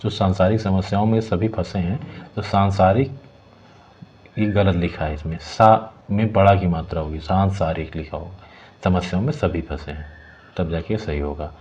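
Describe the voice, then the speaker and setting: A low-voiced man walks through exam questions as a tutor, repeating each corrected word slowly. The recording is dull and lo-fi, with a faint hiss underneath. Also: steady tone, darkish tone. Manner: repeats words slowly, adds "ठीक है" checks. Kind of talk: explaining exam questions, partly reading options.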